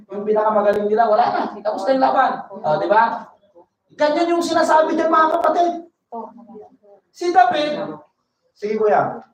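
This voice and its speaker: A woman preaching a Bible study sermon. She reads verses slowly and then explains them in a conversational way. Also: mid-range voice. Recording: echoey room, voice from a distance.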